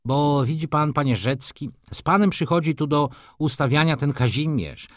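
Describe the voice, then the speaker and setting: A man voicing a humble, nervous male shop clerk who keeps apologizing in a higher, pleading voice. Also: animated, moderate pace, no echo, studio quality, lightly acted.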